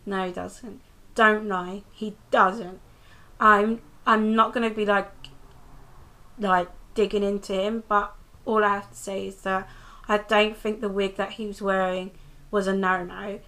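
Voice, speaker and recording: Holding the camera near her face, a young British woman reviews a TV episode in a casual, rambling way, with plenty of ums and restarts. Her medium-pitched voice is level, unhurried, and sharp in tone. She's from the United Kingdom.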